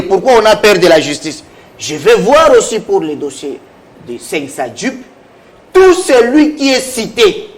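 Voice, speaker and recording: A man, arguing as a panelist in a heated televised debate and piling up accusing rhetorical questions. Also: high-pitched.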